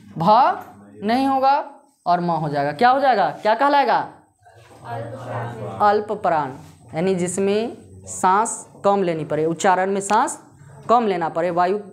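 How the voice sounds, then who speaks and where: A woman teacher giving a grammar lesson, asking questions and answering them herself while she repeats the key terms. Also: medium pitch.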